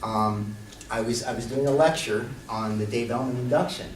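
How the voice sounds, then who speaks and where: A man's voice: mid-range voice, normal speed. A man on a conference panel speaking earnestly and enthusiastically about hypnosis training. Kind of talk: panel talk. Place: conference hall. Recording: echoey hall, distant mic, background noise.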